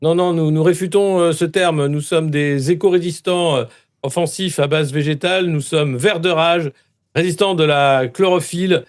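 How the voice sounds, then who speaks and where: A man's voice: on the high side, moderate pace, close to an everyday voice. A man playing a self-serious male activist spokesman who delivers pompous slogans with hesitant fillers. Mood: solemn.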